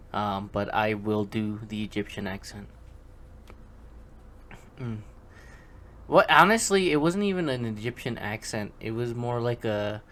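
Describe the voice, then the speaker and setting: A man's voice: lowish voice, a bit bright, a little hiss or hum. A man casually reading a film script aloud in a rambling, chatty way, with many fillers and asides to himself. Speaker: hobby script reader.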